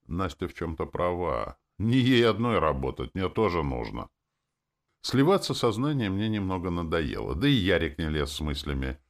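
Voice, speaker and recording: A man narrating a fantasy audiobook in an expressive, animated reading style. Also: low voice, normal speed.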